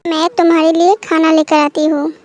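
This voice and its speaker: A woman voicing a caring mother who gently coaxes her daughter-in-law in a fan-made audio story. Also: very high-pitched, flat delivery, normal speed, dry recording. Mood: gentle, caring. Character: caring middle-aged mother.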